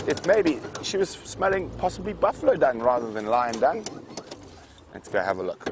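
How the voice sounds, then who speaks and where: A man guiding a live savanna safari from an open vehicle, explaining wildlife to viewers in an unscripted, conversational way. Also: medium pitch. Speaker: safari guide hosting a live game drive. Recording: noisy outdoor vehicle ambience.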